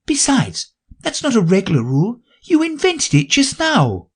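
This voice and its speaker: Man playing a young girl, blunt, high soft voice, husky. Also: huge pitch swings, normal speed, full character voice. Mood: indignant.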